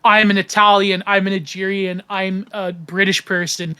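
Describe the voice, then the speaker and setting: A man's voice: high voice, level tone, normal speed, bright, forceful tone, clear, resonant tone. A man from Canada, hosting a casual podcast chat, rambling with many fillers and restarts. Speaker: podcast host.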